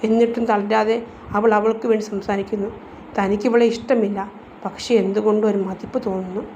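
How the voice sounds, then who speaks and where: A woman reads a romance novel aloud as its narrator, in a steady storytelling manner. Her voice sits at a middle pitch. A faint noise hangs under the reading. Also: fairly quick, lo-fi sound. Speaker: audiobook narrator.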